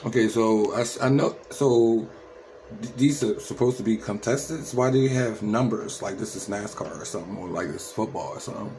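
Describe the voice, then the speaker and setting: A man's voice: on the low side, brisk, dark tone, slight background noise, poor audio. A man in his thirties from New Jersey with an American accent, giving casual, slangy reaction commentary. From Trenton, New Jersey, USA. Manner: slangy, repetitive tag questions. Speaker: reaction video host.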